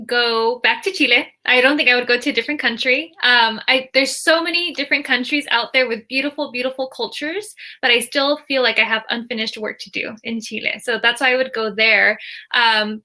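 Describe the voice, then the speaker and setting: Young US woman, bright higher voice, reflective guest, lots of ums. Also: moderate pace. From United States. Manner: reflective, with frequent fillers. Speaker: panel guest. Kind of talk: casual discussion.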